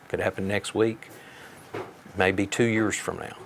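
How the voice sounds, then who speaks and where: A man speaking as a sheriff in an interview, giving measured answers in a plain-spoken, folksy way. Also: on the low side, steady tone, creaky, background noise.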